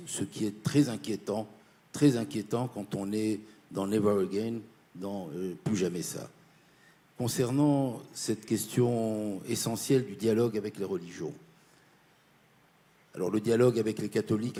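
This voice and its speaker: A man's voice: fairly low pitch, mellow. Earnest man from Morocco giving a speech. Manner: earnest and insistent, repeating key points. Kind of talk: formal panel speech. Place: conference panel.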